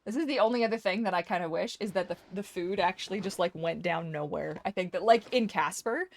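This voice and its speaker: Woman streamer chatting while she games, kinda low voice, welcoming host type, playful and teasing. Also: fairly quick. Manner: welcoming, chatty host addressing viewers directly. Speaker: host of a live game stream and community server. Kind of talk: casual chat while playing a game.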